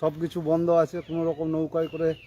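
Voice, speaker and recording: A man's voice: fairly high pitch, completely flat delivery, fairly quick, mellow, highs cut off, slight background noise. A man, a local shopkeeper, interviewed outdoors, complaining plainly about hardship. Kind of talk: street interview. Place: outdoors in a flooded village.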